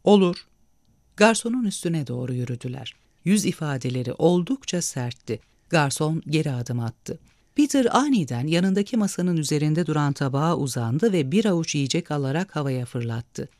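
A man narrating a story aloud with an expressive, measured reading. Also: fairly high pitch, no room sound, clean studio sound.

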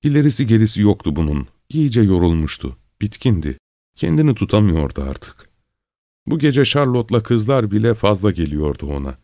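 A man calmly reading a story aloud as narrator. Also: on the low side, moderate pace, no echo, clean studio sound.

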